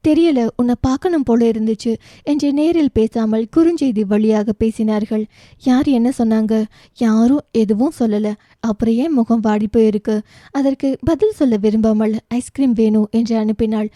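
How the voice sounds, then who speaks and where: Bright-voiced woman narrating a novel. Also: fairly high pitch, normal speed, dry recording, studio quality. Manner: shifts briefly into voices for each character. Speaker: audiobook narrator. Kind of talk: storytelling narration with character dialogue.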